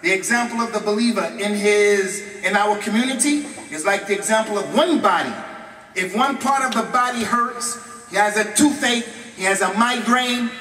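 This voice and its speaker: A middle-aged American man delivers an animated lecture at a stand microphone in a large indoor mosque hall, gesturing widely and mixing Arabic phrases into his English. His voice sits high and moves at normal speed. Captured by a distant camera mic, the audio echoes in the hall with slight background noise.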